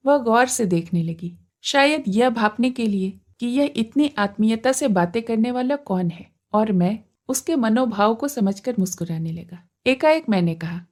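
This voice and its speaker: A woman reads a classic short story aloud as a podcast narrator. Her voice is slightly high, and her reading is measured and expressive. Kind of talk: scripted audiobook narration.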